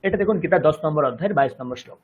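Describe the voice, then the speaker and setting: A man with a Bengali accent teaching a Sanskrit lesson, speaking slowly and deliberately and chanting verses syllable by syllable. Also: a little high, lively intonation, husky, narrow, tinny audio. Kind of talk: online language lesson.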